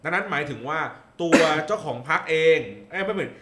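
A man's voice: fairly high pitch, animated, brisk, reverberant, very noisy. A man chatting casually about politics, hesitant and thinking aloud with many fillers. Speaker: political commentator guest.

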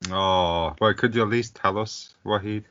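A very deep, smooth man chatting on a podcast, flat and monotone, chuckling now and then. The sound is dry and a little dull, as on an online call. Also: measured pace, no echo. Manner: laid-back, chuckles often. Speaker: podcast co-host. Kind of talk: casual chat. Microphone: online call mic.

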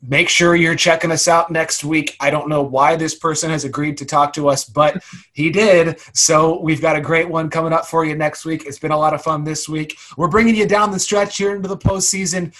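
A man's voice: a little high, steady tone, normal speed, a bit bright. A man co-hosting a podcast, joking wryly and then wrapping up the show. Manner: wry, joking. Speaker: podcast co-host. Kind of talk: casual chat and show outro.

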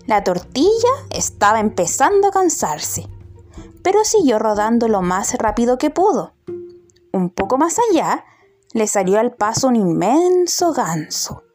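A woman's voice: on the high side, sing-song, measured pace, a little mellow, faint music behind. A woman storyteller hosting a reading show, greeting listeners and reading a children's story aloud expressively. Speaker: storyteller, podcast host.

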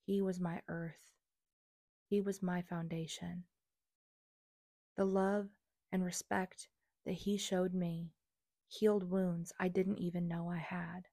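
Low-voiced woman reading her memoir. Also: little pitch movement, slow pace, pauses often, warm tone, dry recording, clean studio sound. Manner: earnest, confessional. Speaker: memoir narrator. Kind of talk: reading a personal memoir aloud.

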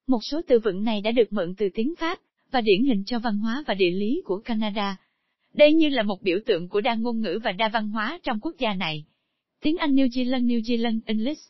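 A woman with a slightly high voice reads a scripted narration at a steady, even pace. The sound is dry and close, with no room around it, on a somewhat dull, lo-fi recording. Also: no room sound.

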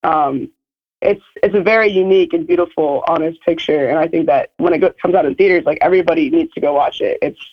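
A woman in her early twenties, a guest filmmaker chatting casually in an interview, bubbly and full of "like" fillers, her voice a bit hoarse. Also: low-pitched, dull audio. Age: early 20s. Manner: bubbly, talks in quick bursts with many "like" fillers. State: slightly hoarse from losing her voice.

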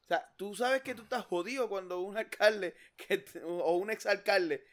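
Puerto Rican man, high voice, blunt, cuts in, casual political banter. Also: moderate pace, fairly bright tone. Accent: Puerto Rican Spanish. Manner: blunt, interjecting, swears freely. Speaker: podcast co-host.

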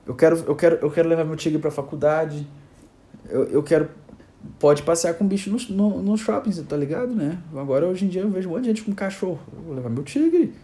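A young man, improvising an animated, rambling comic monologue. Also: on the high side, brisk.

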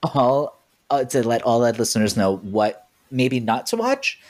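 A man's voice: medium pitch, big pitch swings, a little slow, darkish tone. A man hosting a podcast in casual chat, rambling with lots of filler words and frequent laughs. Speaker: podcast host.

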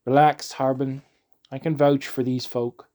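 A man voicing a steady male agent who speaks in a brisk, reassuring way. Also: medium pitch, natural voice.

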